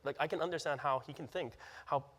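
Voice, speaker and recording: A man's voice: fairly high pitch, quick pace, a bit bright, long reverb tail. A young adult man, born in Hong Kong and raised in the US, speaking casually as an actor guest with lots of fillers and restarts. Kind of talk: studio interview. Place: TV studio set.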